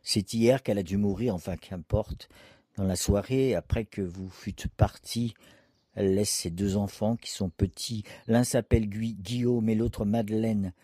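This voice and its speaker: A man reading the part of a poor fisherman's anxious, guilty wife in a dramatic poetry reading, speaking in a halting, fearful way. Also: fairly low pitch, fairly even intonation, warm tone, husky, no room sound. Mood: hesitant.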